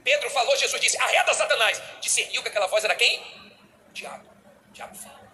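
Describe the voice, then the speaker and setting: A middle-aged man with a Brazilian Portuguese accent preaching a sermon as a bishop, animated, acting out little dialogues. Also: very high-pitched, fast, soft background music, low-quality recording.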